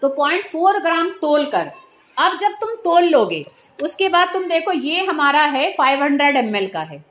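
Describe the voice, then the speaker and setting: High pitched lady chem teacher, patient, keeps checking in w students, roomy echoey lab sound. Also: sing-song, moderate pace, a bit bright. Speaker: chemistry teacher. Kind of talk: hands-on lab demonstration. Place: school chemistry lab. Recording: roomy echo.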